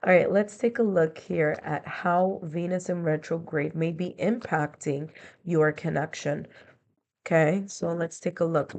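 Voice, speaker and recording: Giving a conversational tarot and astrology reading, a woman explains each point through strings of near-synonyms. She's under the weather, so her low, darkish voice sounds congested and nasal. Her tone stays steady and her pace measured.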